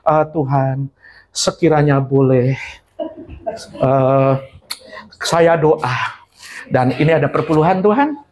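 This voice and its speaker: A man's voice: medium pitch, slow pace, pauses often, a little mellow, pitched below the performer's own voice, lightly acted. A man voicing a whiny churchgoing man who bargains with God in a hesitant, wheedling way.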